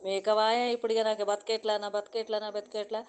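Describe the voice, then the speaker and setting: A woman voicing a desperate male beggar who laments and pleads loudly. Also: mid-range voice, little pitch movement, quick pace, lightly acted. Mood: wailing.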